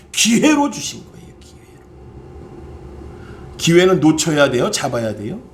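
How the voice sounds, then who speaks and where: A man, a pastor preaching a sermon, who fires rhetorical questions at his congregation and bursts into loud exclamations. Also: very high-pitched.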